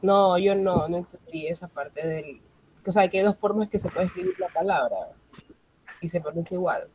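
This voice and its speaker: A woman's voice: on the low side, moderate pace, darkish tone, slight background noise, rough recording. A woman student in an online class, asking hesitant questions and searching for her words.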